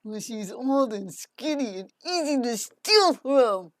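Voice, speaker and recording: Sly prankster horse puppet voiced by a woman, croaky and mumbly, higher-pitched, dry sound. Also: animated, slow, no echo. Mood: sheepish. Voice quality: odd, croaky voice. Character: a male horse, sly, snarky and prank-loving.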